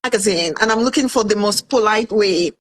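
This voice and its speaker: Her mid-range voice moves fairly quickly as this guest, a Cameroonian author and food entrepreneur in her fifties, shares her story in a relaxed interview. She's animated, re-enacting the things she once said as direct quotes.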